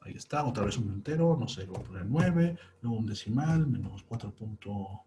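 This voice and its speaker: Young guy teaching c code step by step, warm low-key voice, faint hiss behind. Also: expressive, fairly quick. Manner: patient, walks through each step aloud. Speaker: programming teacher. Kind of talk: screen-recorded coding tutorial.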